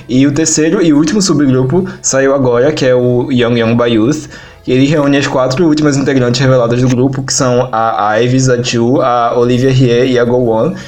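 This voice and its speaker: A man's voice: mid-range voice, a little mellow. A man with a Brazilian Portuguese accent co-hosting a podcast, talking in an opinionated, critical way full of fillers. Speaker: podcast co-host. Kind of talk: casual podcast chat.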